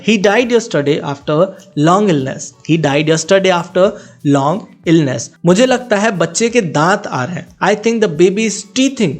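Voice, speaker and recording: Male language teacher, high voice, slow drilling delivery, repeats each line twice, faint music behind. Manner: says each English sentence twice, slowly and deliberately. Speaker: English teacher.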